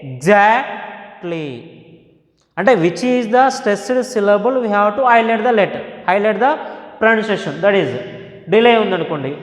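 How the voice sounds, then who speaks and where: A male teacher with a Telugu accent, giving a slow classroom lesson in English and Telugu, repeating each word aloud. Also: high voice. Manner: slow, drawn-out, repeating words to model stress. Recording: echoey hall with long reverb.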